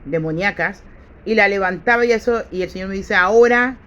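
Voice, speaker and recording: A woman preaching a sermon testimony, telling it dramatically and swinging from loud bursts to hushed low tones. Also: a little fast. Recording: dull lo-fi recording with faint hiss.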